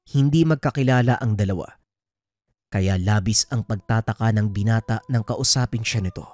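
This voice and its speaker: A man narrating a true horror story in a steady, scripted way. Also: medium pitch, no room sound.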